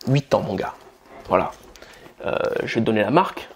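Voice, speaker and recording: A man's voice: fairly low pitch, animated, moderate pace, background noise. A man from France giving casual, blunt style and dating advice straight to the camera, swearing freely and calling the viewer buddy.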